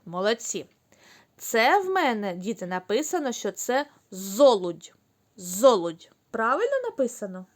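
A woman teaching young children, speaking slowly and clearly, drawing out the syllables. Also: fairly high pitch, sing-song. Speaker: kindergarten teacher. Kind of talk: recorded online lesson for young children.

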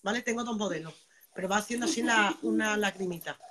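Chatty bright-voiced woman selling live. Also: mid-range voice, fast, slight background noise. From Spain. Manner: chatty, keeps asking "vale", greets viewers by name. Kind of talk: live-stream sales pitch.

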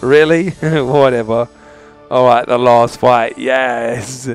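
This gaming channel host talks to viewers in a casual, exasperated way while commenting on his own play, his voice-over laid on mobile game footage. He speaks slowly and clearly, with a resonant, medium-pitched voice and fairly even intonation, and soft music plays underneath.

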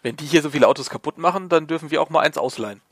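A man's voice: fairly high pitch, racing, a bit bright, no room sound. Dry-sounding man chatting through a tactical game. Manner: informal, alternating with clipped military radio phrases. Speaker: video game player. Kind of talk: casual chat and radio calls during tactical co-op gameplay.

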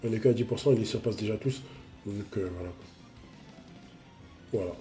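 A man's voice: on the low side, a little fast, mellow, soft background music. A man with a cold, sniffling as he reviews a mobile game card in a casual, repetitive way, full of fillers. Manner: repeats himself, full of fillers.

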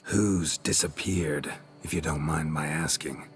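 A world-weary monster hunter in a fantasy role-playing game, speaking in clipped, dry, sardonic lines. His voice is remarkably deep and low. Faint music plays behind him. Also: fairly even intonation, measured pace. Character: gruff world-weary male monster hunter, middle-aged. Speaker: witcher taking a contract.

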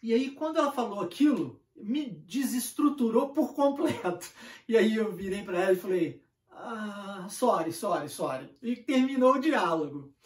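A man with a Brazilian Portuguese accent, teaching English through a casual personal story and acting out what people said. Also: very high voice. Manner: storytelling, animated, acts out his quotes. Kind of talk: casual anecdotal lesson. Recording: echoey room, mic at a distance.

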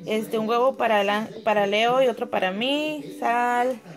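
A woman's voice: a little high, steady tone, unhurried. Chatty young woman vlogging. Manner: chatty, talks to viewers as friends. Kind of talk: casual home vlog chat. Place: home kitchen.

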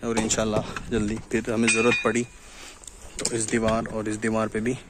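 A man's voice: fairly low pitch, normal speed. A young man from Pakistan walking viewers through his farm construction site in a casual vlog, filmed outdoors on a phone. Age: young adult. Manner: explanatory, steady talk to viewers. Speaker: cattle farm vlogger. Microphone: phone camera, selfie framing. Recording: outdoor noise from tractors and wind.

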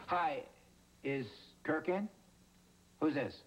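A man's voice: on the high side, slow pace. An actor playing an easygoing but flustered man, a teacher, who stammers and restarts nervously in a sitcom. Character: easygoing, flustered middle-aged male teacher. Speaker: high school teacher. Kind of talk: sitcom acting.

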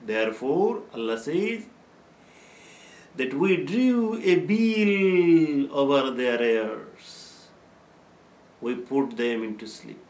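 Slow and teaching, an older man with a mid-range, darkish voice and lively intonation walks through Quranic verses in a religious lesson, chanting Arabic recitation between points. He's an Islamic teacher, heard in an echoey, plain room against a bare wall.

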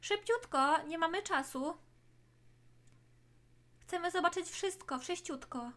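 A woman's voice: very high voice, slow, a bit bright, heavily acted. A woman doing pushy greedy twin thieves. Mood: scheming. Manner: pushy, wheedling. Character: greedy scheming adult twin sisters, thieves. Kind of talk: toy play storytelling.

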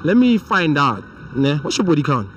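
A man's voice: a little high, very animated, moderate pace, distant mic, highs cut off, slight background noise. A young man with a South African accent, playfully teasing as a street interviewer and mixing English with Zulu, recorded on a handheld mic outdoors.

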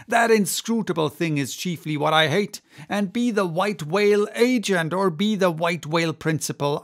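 A man voicing an obsessed, vengeful whaling captain in an audiobook, intense and declamatory. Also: sits high.

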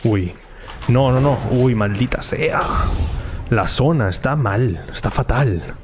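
A man with a Mexican accent giving excitable live gameplay commentary to his chat, repeating words in bursts. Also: medium pitch, slow, slight background noise. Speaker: gaming streamer.

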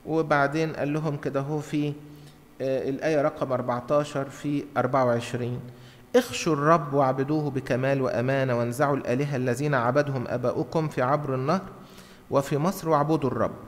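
A man's voice: medium pitch, fairly even intonation, fast talker. A middle-aged man with an Egyptian Arabic accent, a priest preaching an explanatory Bible lesson conversationally from a church lectern. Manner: conversational, acts out dialogue, repeats short phrases for emphasis. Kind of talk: Bible teaching sermon, explanatory. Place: large church interior at a lectern. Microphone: gooseneck lectern microphone. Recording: reverberant church hall.

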